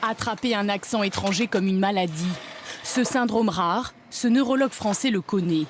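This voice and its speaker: A woman's voice: medium pitch, normal speed, slight background noise. Woman narrating a TV news report.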